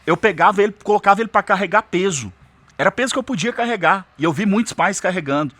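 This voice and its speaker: Forceful Brazilian man giving advice. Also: sits high, expressive, quick pace, dry recording. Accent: Brazilian Portuguese. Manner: forceful, direct, addresses parents head-on. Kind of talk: emphatic advice talk.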